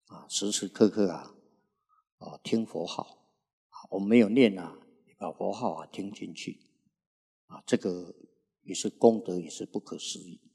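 A man in his sixties, a Buddhist monk, gives an unhurried sermon and fills his pauses with long, drawn-out "ah" sounds. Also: deep voice, dark tone, slightly rough. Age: 60s. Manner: unhurried preaching, frequent drawn-out "ah" fillers. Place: Buddhist recitation hall. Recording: reverberant hall recording.

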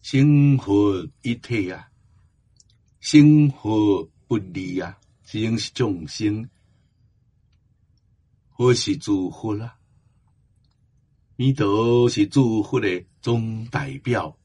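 A man giving a Buddhist Dharma talk, slow and emphatic, drawing out the ends of his phrases. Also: lowish voice, mellow, slightly rough. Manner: slow, emphatic exhortation with drawn-out endings. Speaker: Buddhist teacher.

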